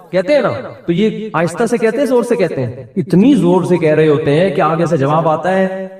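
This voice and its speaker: A man's voice: high-pitched, darkish tone, recorded from a distance. Male preacher, Pakistani Urdu accent, raised voice, asks then answers, mimics quoted people, echoey hall. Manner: asks the audience questions and answers them. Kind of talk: Islamic sermon.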